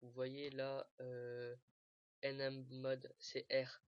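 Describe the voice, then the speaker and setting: Unhurried, halting tutorial voice on a cheap home mic, dry and dull. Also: mid-range voice, monotone, clear, resonant tone, no room sound. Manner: hesitant, full of fillers and restarts. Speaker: gaming tutorial maker. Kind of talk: casual screen-recorded tutorial.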